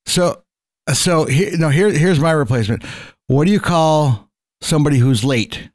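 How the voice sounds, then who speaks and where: A man's voice: a little high, moderate pace, a little mellow, no room sound. Informal man chatting on a podcast, dry sound. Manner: informal, profane. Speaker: podcast host. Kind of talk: casual chat.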